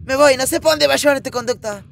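A man giving casual, excitable commentary while playing a VR game, laughing often and shouting at the game. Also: very high voice, fast, creaky, slight background noise. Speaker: gamer.

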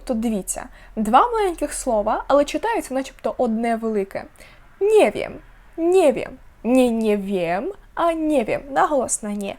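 A young woman with a high, very lively voice gives a beginners' language lesson. She says example words slowly and clearly, then repeats them so learners can follow. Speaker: Polish language teacher.

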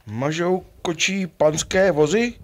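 A man's voice: on the high side, close to an everyday voice. A man playing an obliging, clownish servant in a rhymed puppet play, comic and folksy. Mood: eager, clownish.

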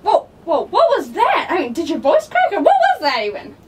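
A woman's voice: sits high, big pitch swings, normal speed, recorded from a distance. A woman playing a bossy, jolly male giant in a homemade comedy skit, coaching with impatient, coaxing remarks. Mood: exasperated. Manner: impatient, coaxing teacher, laughing at mistakes.

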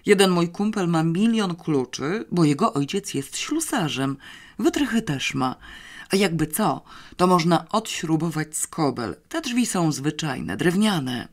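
An offhand, cocky young schoolboy, played by an audiobook narrator brushes off worries with boyish swagger. His voice lifts above the narrator's own and jumps around in pitch. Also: sing-song, a little slow.

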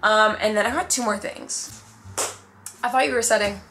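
A woman in her twenties vlogs casually to camera from a furnished room at home, slangy and full of asides. Her mid-range voice moves at normal speed with a fairly bright tone, and faint music plays behind her.

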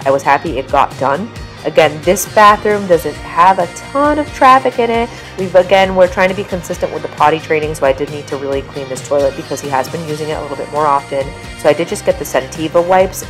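A woman in her thirties chatting casually as she narrates her cleaning, practical and relaxed. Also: low-pitched. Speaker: cleaning vlogger.

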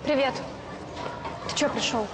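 Blunt high-voiced daughter. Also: female voice, a little slow, crowd noise. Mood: unimpressed. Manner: blunt, sarcastic. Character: curt, unimpressed young daughter of a policeman. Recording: noisy crowded location.

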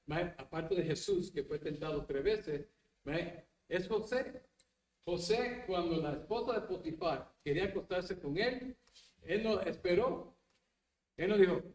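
Male pastor, fairly high voice, lively Bible-study teaching, echoey hall, mic at a distance. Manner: animated, mixes English words into Spanish, tag questions. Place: church.

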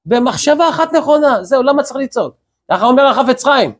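High-voiced husky male preacher. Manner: animated preaching with rapid rhetorical questions; acts out short quoted exchanges in storytelling. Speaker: rabbi. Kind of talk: sermon to a congregation.

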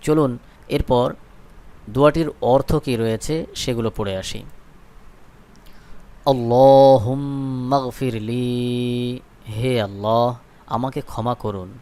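A man with a Bangladeshi Bengali accent teaching a recitation lesson. He spells out syllables and then chants them slowly for learners to repeat. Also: medium pitch, a little mellow. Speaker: Quran teacher.

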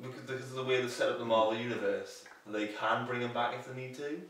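A man guesting on a casual movie review chat, talking haltingly with many "like"s and restarts. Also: mid-range voice, steady tone, a bit bright. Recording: echoey room, distant from the mic.

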